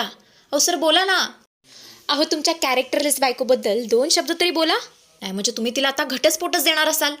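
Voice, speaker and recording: A woman's voice: sits high, a bit bright, voice pushed up. A woman voicing a pushy, prying TV news reporter who badgers a family with insistent questions.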